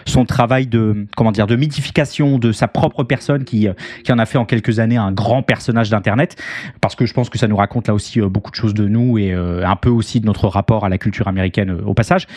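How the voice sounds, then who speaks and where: A man's voice: mid-range voice, a little mellow, no room sound, clean studio sound. A man, chatting casually as an interview guest in a hesitant, wordy, self-deprecating way. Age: 30s. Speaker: interview guest, online show host.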